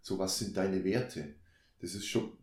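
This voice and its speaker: A man's voice: sits low, moderate pace, a little mellow. A man in a casual conversation, reflective, explaining his ideas through everyday examples and questions he asks himself. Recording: roomy echo.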